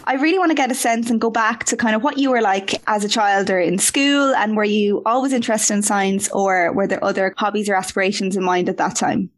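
A woman's voice: mid-range voice, a little fast, few pauses, a little hiss or hum. A woman in her twenties with an Irish accent, presenting and interviewing as a podcast host. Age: 20s. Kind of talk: scripted introduction and interview.

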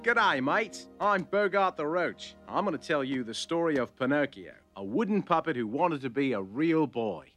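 A man's voice: fairly high pitch, moderate pace, hardly any pauses, natural voice. A man voicing a cheery, crude Australian cockroach storyteller with a jaunty singsong delivery in a cartoon. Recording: loud music behind, clip from animated show.

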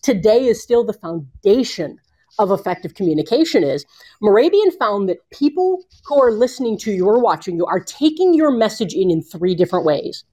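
A woman explaining communication skills in a conversational interview, animated and expressive, speeding up and slowing down for emphasis, speaking from home. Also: mid-range voice. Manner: animated, expressive, shifting pace. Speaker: communication coach.

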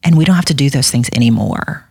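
A woman's voice: a bass voice, animated, fast, creaky, mellow, husky. A woman co-hosting a Bible study podcast, earnest and emphatic in a casual faith discussion, repeating her key phrases.

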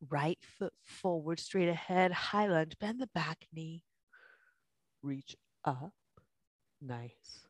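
A yoga instructor slowly coaching breath and movement through a guided class in short, spaced phrases. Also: mid-range voice, no room sound.

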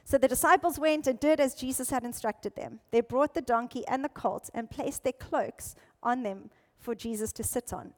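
High-voiced woman pastor preaching. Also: normal speed, hardly any pauses. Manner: animated, conversational Bible teaching. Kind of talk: sermon. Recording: long hall reverb.

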